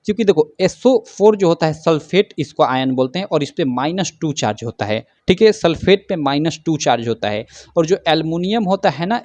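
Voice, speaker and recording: At a whiteboard, a man teaches science step by step, repeatedly posing questions and answering them himself. His voice is a little high and a little mellow, with no echo, and he keeps dropping fillers like "theek hai."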